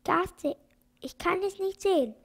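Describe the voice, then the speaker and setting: A woman voicing a bad-tempered, scolding woman in a read-aloud children's storybook, in a shrill, complaining way. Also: measured pace, gravelly, exaggerated voice.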